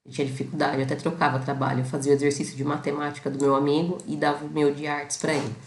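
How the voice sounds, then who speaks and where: A woman's voice: low-pitched, flat delivery, very fast, darkish tone, roomy sound. A Brazilian woman hosting her channel, telling a story in casual talk to her viewers and often checking in with them. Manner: chatty storytelling, constant tag questions to the audience. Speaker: self-knowledge channel host.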